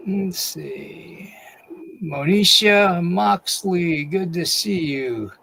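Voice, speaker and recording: A man with a high-pitched, creaky, husky voice and a sharp tone draws out his words as he hosts a live-stream podcast, recorded in low quality. He reads a long disclaimer, greets chat viewers one by one by name, and says he's losing his voice.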